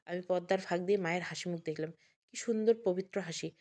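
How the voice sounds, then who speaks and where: A woman storyteller narrating an emotional family story in a steady voice. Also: on the low side, fast talker.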